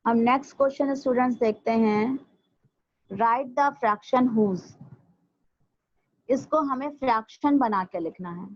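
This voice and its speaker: A woman school teacher, patiently explaining a maths lesson step by step and slowing down to repeat things for her students. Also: on the high side, dry recording. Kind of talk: recorded online maths lesson. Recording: dry, dull lo-fi home recording.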